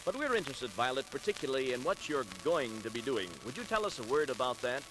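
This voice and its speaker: A man's voice: medium pitch, sing-song, fast talker, background noise. Friendly man hosting a radio interview. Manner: friendly, conversational questioning. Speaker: radio program host.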